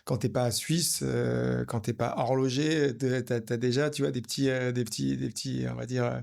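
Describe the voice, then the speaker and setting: A man's voice: medium pitch, steady tone, normal speed, gravelly, darkish tone. A man in his fifties from France, chatting casually in an interview as a watch brand founder, rambling with many fillers and restarts. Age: 50s.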